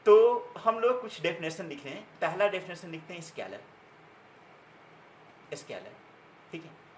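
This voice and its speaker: A man's voice: high voice, brisk, echoey room, slight background noise, rough recording. A man teaching a physics class, repeating key terms and quizzing his students, switching between Hindi and English terms. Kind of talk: classroom lecture.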